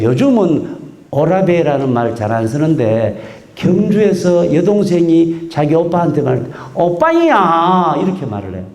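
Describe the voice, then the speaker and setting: A man gives a public lecture, his fairly high voice swinging up and down as he acts out dialect phrases. His tone is warm and mellow. The sound is roomy and echoey, caught in a lecture hall. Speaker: university professor giving a lecture.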